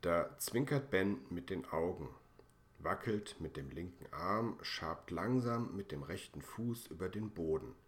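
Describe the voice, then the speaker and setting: Slow, deep-voiced man reading a storybook. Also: animated. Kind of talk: read-aloud children's story.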